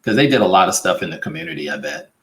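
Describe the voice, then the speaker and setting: A man's voice: sits low, very animated, very fast, creaky, a bit bright, slight background noise, low-quality recording. A man talking in a laid-back, easygoing way on a casual call, often saying yeah. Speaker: guest. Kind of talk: casual chat.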